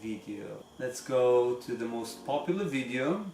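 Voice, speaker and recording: His voice is gravelly and expressive, medium in pitch and a little slow, against a noisy background. He's a massage teacher hosting his channel, casually chatting and reading comments with earnest emphasis and rhetorical questions, recorded in an echoey room with music playing.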